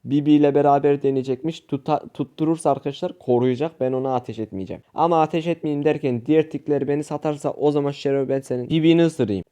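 A young man commenting live on his own gameplay for his channel, animated, talking to viewers and shouting at teammates. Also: on the high side, fast, hardly any pauses, clean tone. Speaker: gaming youtuber.

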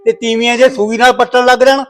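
A stern, wronged father in a village family drama, played by a man, scolding and moralizing with old sayings. His voice sits fairly high for a man. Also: little pitch movement, fast, a bit bright. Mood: reproachful. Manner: scolding, preaching proverbs. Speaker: actor in a short film.

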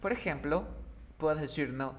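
A man's voice: a little high, measured pace, slight background noise. A man teaching English slang in a casual lesson, often checking that the student follows. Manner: lively, checks understanding often.

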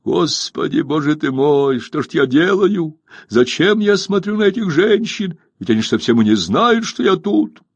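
Audiobook bit: man playing a timid, wide-eyed Cossack in over his head, exclaiming, lively swings. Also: fairly high pitch, moderate pace, breathy edge, no room sound, voice pushed up, full character voice. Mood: fretful. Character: Evtukh, timid bewildered male Cossack townsman. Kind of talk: audiobook character reading.

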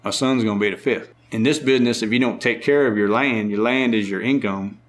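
A middle-aged man with a strong Maryland Eastern Shore accent, a farmer talking casually in an interview with a drawn-out, unhurried way of speaking. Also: lowish voice. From lower Eastern Shore of Maryland. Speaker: farmer and market owner.

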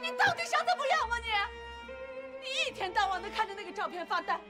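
An actress playing a sharp-tongued young mother who nags and shouts at her niece, in a TV drama with loud music underneath. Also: very high-pitched, fairly even intonation, rapid-fire. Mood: cruel. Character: shrill scolding aunt, young mother. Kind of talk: TV drama acting.

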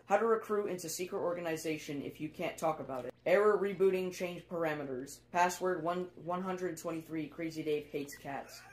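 Stiff, glitching recruitment robot mid-malfunction, monotone, filtered, slightly high, roomy game audio with faint noise. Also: male voice, a little fast, few pauses. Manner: monotone, clipped machine announcements. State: glitching, throwing errors and rebooting.

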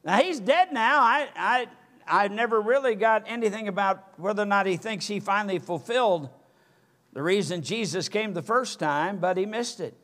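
Sitting high and fairly bright in tone, the voice is that of an older male pastor preaching a sermon from a church pulpit. He speaks emphatically and gestures as he goes, in a church sanctuary with empty pews.

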